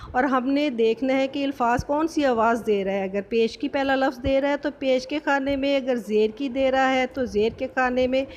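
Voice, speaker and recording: Slow, patient woman teacher spelling. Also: high voice, a little hiss or hum. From Pakistan. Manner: slow, syllable-by-syllable spelling with quiz questions. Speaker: primary school Urdu teacher. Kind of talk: recorded classroom lesson.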